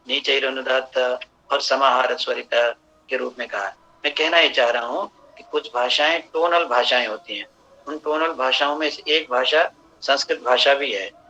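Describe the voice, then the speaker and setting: Guy lecturing to a seminar, explains slowly, repeats himself, muffled lo-fi recording. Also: a little high, pushed and bright. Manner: explanatory, repeats and restarts phrases. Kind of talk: academic lecture. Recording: dull lo-fi recording.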